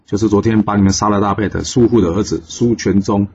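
A man's voice: on the low side, steady tone, fast, darkish tone, husky, highs cut off. A man voicing a brash, hot-headed young male warrior who talks in a defiant, boastful way.

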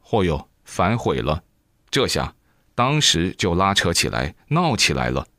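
Brief: man, low voice, lively sermon storytelling, very dry close sound. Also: unhurried, dry recording. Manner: lively folksy storytelling with exclamations. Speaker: reciter of a sermon.

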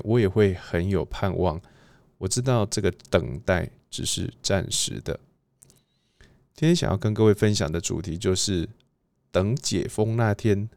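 Low-voiced guy doing a bible devotional, lots of uh pauses, dry close sound. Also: creaky, a little mellow, dry recording. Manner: halting, with frequent filler pauses. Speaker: preacher. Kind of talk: devotional Bible reading talk.

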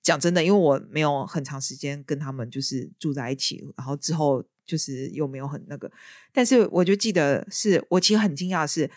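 Lively woman telling stories, dry sound. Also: low-pitched, fairly quick, no room sound. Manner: lively storyteller. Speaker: podcast host. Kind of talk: casual chat.

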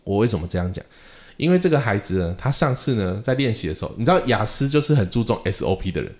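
Male podcast host and drum teacher, lowish voice, animated storyteller who plays out conversations. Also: quick pace. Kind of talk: casual podcast chat.

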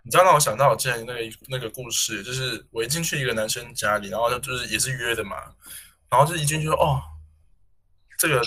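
A man's voice: medium pitch, quick pace, sharp tone, breathy edge. A man chatting easily on a podcast, recounting his own experience. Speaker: podcast co-host. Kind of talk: casual chat.

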